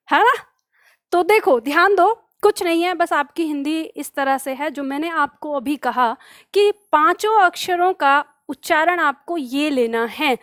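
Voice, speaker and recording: A woman's voice: high voice, fairly bright tone, dry recording, clean studio sound. A woman teaching an online exam-prep language lesson, explaining step by step, asking the students questions and drilling the sounds aloud with them. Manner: asks the students questions and answers them herself. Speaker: Hindi teacher.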